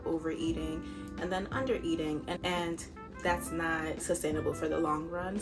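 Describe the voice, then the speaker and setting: Young woman vlogging, recorded on a phone. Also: fairly low pitch. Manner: chatty and earnest, with laughs. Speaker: fitness vlogger. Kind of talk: casual talk to camera.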